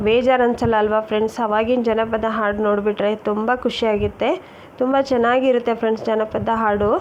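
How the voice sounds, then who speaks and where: Chatty woman, cooking. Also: a little high. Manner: chatty, keeps calling viewers friends and urging them to look. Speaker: cooking channel host. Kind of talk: casual cooking demonstration. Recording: dull lo-fi sound with faint noise.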